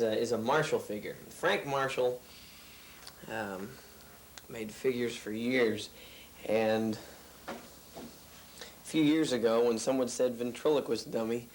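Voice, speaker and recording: A man guiding through a museum, telling stories in a relaxed way with many fillers. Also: mid-range voice, slight background noise. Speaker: museum guide.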